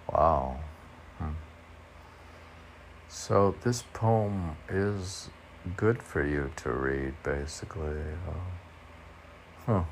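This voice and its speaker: A man informally reads his own poetry and muses aloud about it, often questioning himself as though in conversation. His voice is deep and gravelly, with a little hiss or hum in the audio.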